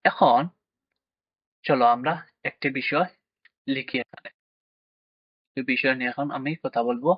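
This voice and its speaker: This math teacher speaks to a class of kids at the board in a mid-range, slightly rough voice with fairly even intonation. He goes a little slowly, leaving long pauses as he asks questions, answers them himself, and keeps checking in. The sound is dry, dull, and lo-fi.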